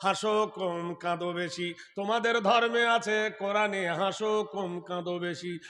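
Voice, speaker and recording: A male Islamic preacher telling a sermon story, chanting scripture in long melodic lines and breaking into loud shouts. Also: sits high, steady tone, unhurried, faint music behind.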